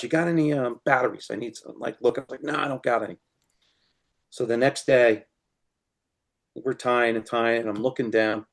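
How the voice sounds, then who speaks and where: Chatty man demonstrating fly tying. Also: fairly low pitch. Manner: chatty, lots of "you know" fillers; animated, laughs as he tells stories. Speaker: guest fly tier. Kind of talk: casual storytelling while demonstrating fly tying.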